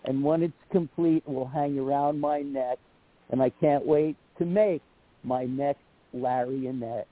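Husky rambling man calling a radio show. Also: medium pitch, steady tone, measured pace, no room sound. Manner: rambling, scattered, swears casually. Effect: heard over a phone line into a radio show. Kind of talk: casual call-in chat. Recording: tinny phone line.

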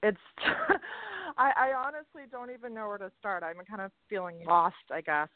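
A woman calling in to a radio show over the phone, talking hesitantly with lots of fillers and soft laughs. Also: mid-range voice, lively intonation, normal speed. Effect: phone-line caller audio. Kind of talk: casual call-in chat. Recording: dry tinny phone line.

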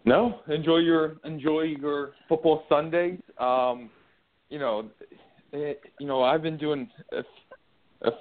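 A man's voice: fairly high pitch, steady tone, takes it slowly. A man co-hosting a sports talk show, hesitant and repeating words as he gives his picks. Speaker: sports radio co-host. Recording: phone-like line.

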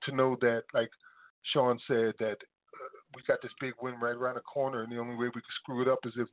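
A man's voice: mid-range voice, level tone, brisk, narrow, tinny audio. A man co-hosting a radio show, signing off with earnest, preachy remarks. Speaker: co-host.

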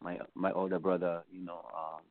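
A man's voice: sits low, flat delivery, normal speed, no room sound. A man, a musician guest answering interview questions in a meandering, reflective way. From Tanzania. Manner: meandering, reflective, many filler phrases. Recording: tinny phone line, dry.

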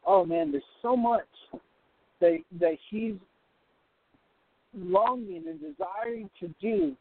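A man's voice: sits high, expressive, slow pace, gravelly, dry recording. A man calling in on a buzzy, glitchy phone line that keeps breaking up. He preaches fervently from a moving car and speaks straight to the listener. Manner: fervent, exhorting, addresses the listener directly. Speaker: caller. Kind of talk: prophetic preaching over the phone. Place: driving through the hills. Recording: tinny, breaking-up phone call.

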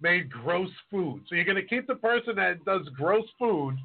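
A man's voice: high voice, big pitch swings, moderate pace, vocal fry. A chef in his forties chatting casually, rambling and self-deprecating with a joking manner. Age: 40s. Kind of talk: casual podcast chat. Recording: tinny phone-like line.

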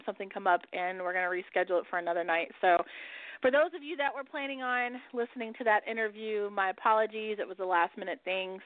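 A woman's voice: medium pitch, dry recording. A woman hosting a radio show in casual chat, who swears freely and laughs often. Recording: dry, phone-like line.

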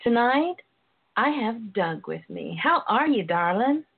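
A woman hosting an informal sex talk show, chatty, sassy and flirty, with drawn-out emphasis. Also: fairly high pitch, very animated, creaky, slightly rough. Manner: sassy, flirty, drawn-out emphasis, calls listeners honey and darlings. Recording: tinny phone-line audio.

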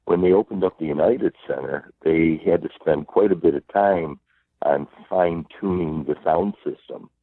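A former arena public address announcer, now a guest in a phone interview, tells stories in a relaxed, unhurried manner with plenty of fillers. His voice is strong, powerful and extremely low, heard over a telephone line with no room sound.

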